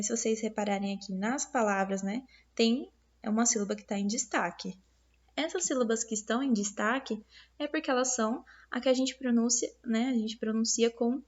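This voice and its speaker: A woman with a Brazilian Portuguese accent walks her young pupils through a review lesson, patient and unhurried, checking in with small tag questions. Her voice sits a little high. The recording is somewhat dull and lo-fi. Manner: patient, explains step by step with many fillers and tag questions. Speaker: primary school teacher.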